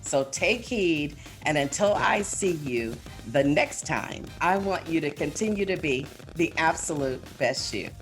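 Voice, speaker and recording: A woman's voice: low voice, lively intonation, measured pace, few pauses, over loud music. A woman giving a motivational business keynote with polished corporate enthusiasm, speaking emphatically and straight to her listeners. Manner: emphatic, addresses listeners directly.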